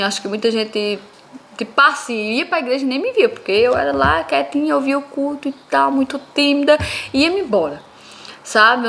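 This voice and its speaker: A woman's voice: on the high side, gravelly, fairly bright tone. A young woman, telling a personal faith testimony in an earnest, conversational way and speaking straight to her listeners. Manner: earnest, addresses listeners as "minha gente".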